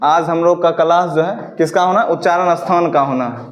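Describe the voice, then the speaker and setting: A man teaching a classroom grammar lesson, asking a question and answering it himself, and slowing down to dictate notes. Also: fairly high pitch. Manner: repeats questions and answers in call-and-response; slow, dictating pace for note-taking. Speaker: Sanskrit teacher.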